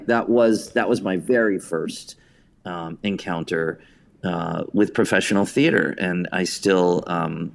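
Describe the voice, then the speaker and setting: This creaky, low-voiced American man in his fifties, from suburban New York, is a theater writer and director appearing as a podcast guest. He tells personal anecdotes in the interview with a self-deprecating storyteller's touch.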